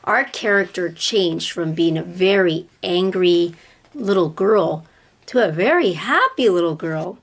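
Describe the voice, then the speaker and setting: The teacher, a woman with a fairly low, animated voice, reads a picture book aloud to kids with plenty of expression, then explains it through carefully phrased questions.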